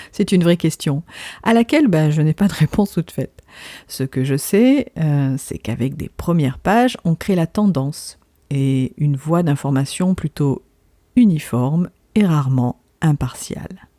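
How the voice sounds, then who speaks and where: A woman's voice: low voice, animated, measured pace, dark tone, no echo, clean studio sound. A woman from the south of France hosting a podcast, delivering a scripted monologue with conversational asides and questions put straight to the listener. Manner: rhetorical questions, addresses listeners directly. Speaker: podcast host.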